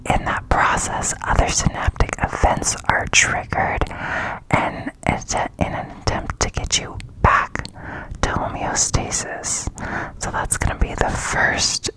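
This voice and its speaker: An ASMR host speaks in a breathy, cupped whisper close to the mic, explaining things in an informal, unscripted ramble. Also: measured pace, rough recording. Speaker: ASMR host introducing an educational series.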